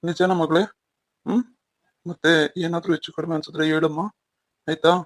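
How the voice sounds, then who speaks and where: A man voicing a caring middle-aged father who fusses gently over his daughter. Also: fairly high pitch, little pitch movement, moderate pace, dry recording, natural voice. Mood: fussing. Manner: fussing and gentle.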